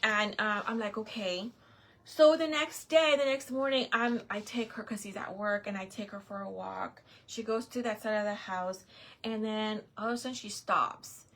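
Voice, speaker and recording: A woman's voice: mid-range voice, moderate pace, a bit bright. A middle-aged woman telling a rambling story in a casual, chatty way, full of fillers and restarts. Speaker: vlogger.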